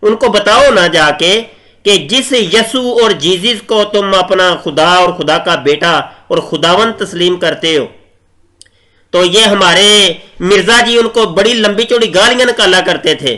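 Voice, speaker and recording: A high-pitched man delivers scornful commentary on his own channel. His voice is bright and sharp. He talks in a combative, mocking way. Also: measured pace. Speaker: channel host. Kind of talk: scornful commentary on a played clip.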